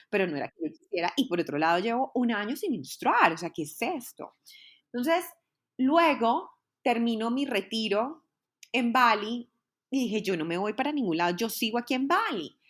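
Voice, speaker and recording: A woman's voice: medium pitch, animated, normal speed. A woman, a podcast guest telling a personal story in an earnest, heartfelt way, often repeating words.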